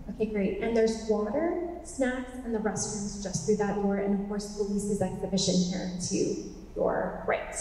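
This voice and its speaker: A woman with a mellow, darker voice opens an art talk as the museum's director. She sounds set back from the mic in a strongly echoing atrium with a long reverb, and faint ambience from people moving through the building stays audible behind her. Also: medium pitch, slight background noise. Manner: welcoming, with frequent fillers. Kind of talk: event introduction. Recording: echoey hall, mic from a distance.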